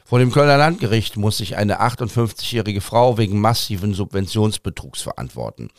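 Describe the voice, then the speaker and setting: Low-pitched man presenting podcast news. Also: animated, a little fast, no echo, clean studio sound.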